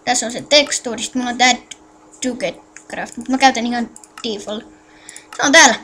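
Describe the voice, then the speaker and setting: A woman's voice: on the high side, bright, forceful tone, slight background noise. A woman giving a casual screen-recorded game tutorial, addressing viewers with instructions while muttering to herself as she clicks around. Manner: mutters to self while clicking, halting and distracted. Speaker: tutorial maker.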